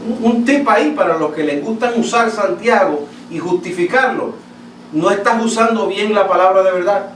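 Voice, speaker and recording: A man's voice: high voice, moderate pace. A Latin American man preaching a sermon as pastor, emphatic and repetitive, often asking his listeners questions. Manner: emphatic, repeats words and asks the congregation questions. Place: church sanctuary. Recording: echoey church hall, voice from a distance, faint room noise.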